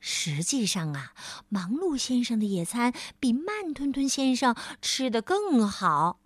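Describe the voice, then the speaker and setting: Slow, gentle woman storyteller. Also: on the high side, very animated, no echo. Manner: gentle, drawn-out storytelling to a child. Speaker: children's storyteller. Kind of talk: children's storybook reading.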